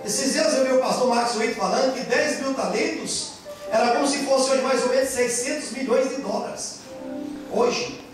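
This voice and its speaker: Male pastor, impassioned sermon, loud then soft, recorded from far off, faint music behind. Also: extremely high pitch, moderate pace. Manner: impassioned preaching, swings between loud and soft. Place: church hall in Japan. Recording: very echoey church hall, far from mic, faint music.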